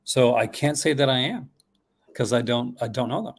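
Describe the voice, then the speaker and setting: Male host, Newfoundland accent, mid-pitched voice, loose casual livestream delivery, excitable and rambling. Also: normal speed. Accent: Newfoundland Canadian. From Newfoundland, Canada. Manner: rambling, excitable, chuckles often. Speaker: horror movie collecting channel host.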